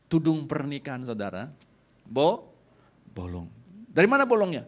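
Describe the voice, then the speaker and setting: A middle-aged man preaches a sermon in a somewhat high voice. His pitch leaps and swoops as he acts out little scenes, dropping in punchy sound effects to drive his points home. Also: wildly swooping pitch, normal speed. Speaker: pastor.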